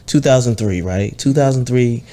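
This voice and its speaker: A man's voice: medium pitch, moderate pace, a crowd in the background. A man hosting a casual group podcast chat, talking in a loose, rambling way and often restarting his points. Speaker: podcast host.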